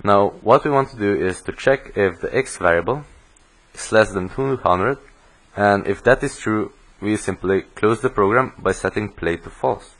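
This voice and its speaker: A man's voice: fairly low pitch, normal speed, fairly bright tone, low-quality recording. A young man narrating a coding screencast as the instructor, explaining steadily and often restarting words mid-sentence. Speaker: programming instructor.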